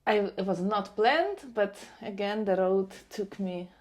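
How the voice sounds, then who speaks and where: A woman in her forties with a Ukrainian accent, telling her personal story conversationally as a podcast guest, in reflective, halting phrases. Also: medium pitch, expressive. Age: 40s.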